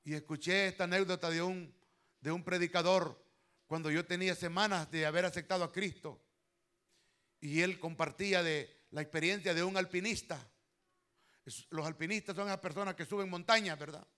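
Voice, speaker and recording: Male pastor, fervent preacher, high bright voice. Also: steady tone, moderate pace. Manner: fervent preaching, swelling loud on key phrases, addresses listeners as brother. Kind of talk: sermon.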